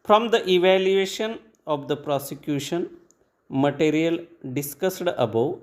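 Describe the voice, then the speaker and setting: A man dictating formal legal text for shorthand practice, reading in short measured phrases with pauses between them. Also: a little high, lively intonation.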